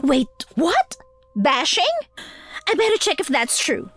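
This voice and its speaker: A woman's voice: sits high, wildly swooping pitch, slow, a bit bright, no room sound, heavily acted. A woman voicing a vain, dramatic, spoiled rich young woman who speaks in a posh, whiny mix of English and Tagalog. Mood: bratty.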